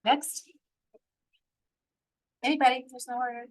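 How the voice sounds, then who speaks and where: A woman's voice: high-pitched, little pitch movement, measured pace. A woman chairing a public meeting, calling speakers up in an informal, joking way. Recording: distant from the mic.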